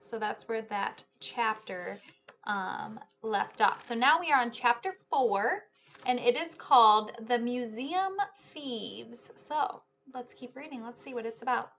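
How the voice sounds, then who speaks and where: In a slightly high, fairly bright voice, a teacher-style host in her thirties reads aloud to young children and explains the book. She talks to them like friends, indoors in a small living room or home office.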